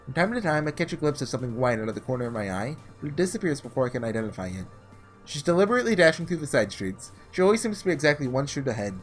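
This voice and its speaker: Speaking very fast at a medium pitch, a male gaming host delivers very animated let's-play commentary over soft background music. His reading of a visual novel is dramatic, punctuated by casual, sarcastic asides.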